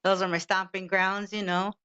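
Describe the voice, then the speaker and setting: A Los Angeles woman in her fifties co-hosts a podcast, chatting in a laid-back way and swearing casually. Her mid-range voice is clean with a sharp edge, her delivery flat and her pace moderate. The recording has a dull, lo-fi sound.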